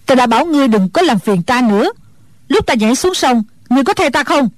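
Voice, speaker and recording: A woman's voice: a little high, animated, moderate pace, a little mellow, no echo, natural voice. A woman voicing a stern, injured old woman fighter who gives curt orders in a storybook reading. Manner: curt, commanding.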